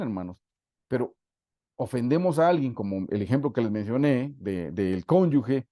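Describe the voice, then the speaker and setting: A man's voice: mid-range voice, warm tone, dry recording, studio quality. A man preaching an online Bible study, speaking earnestly, addressing listeners as brothers and repeating points for emphasis, on a computer mic over a video call. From Guatemala.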